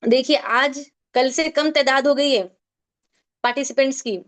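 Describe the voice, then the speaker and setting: A high-voiced woman teaching tajweed leads an online recitation class over a video call. Speaking with a steady tone at a measured pace, she explains pronunciation rules step by step and keeps asking her students questions.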